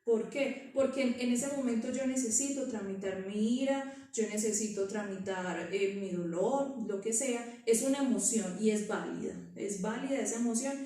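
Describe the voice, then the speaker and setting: A woman's voice: fairly high pitch, moderate pace, hardly any pauses, warm tone. A woman, an early childhood educator giving a conversational training talk to parents, often asking rhetorical questions. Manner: conversational, asks rhetorical questions with frequent "¿cierto?". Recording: very echoey room from far off.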